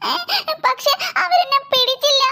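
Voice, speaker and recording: A woman voicing a small timid cartoon girl who cries and whines in a very high, childlike voice. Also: measured pace, creaky, bright, forceful tone, full character voice. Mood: tearful. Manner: whiny, wailing. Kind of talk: cartoon voice acting.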